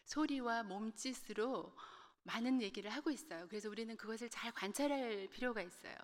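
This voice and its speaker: A woman from Korea with a Gyeongsang accent giving a lively, humorous talk to a church group and speaking straight to her listeners. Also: fairly high pitch, fairly quick. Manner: lively and humorous, addressing the audience directly. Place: church sanctuary. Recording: long reverb of a church hall.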